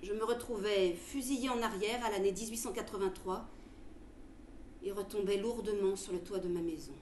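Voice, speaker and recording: A woman's voice: mid-range voice, moderate pace, darkish tone. A woman storyteller giving a theatrical, scripted narration indoors. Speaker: storyteller, stage performer. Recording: roomy with faint background noise.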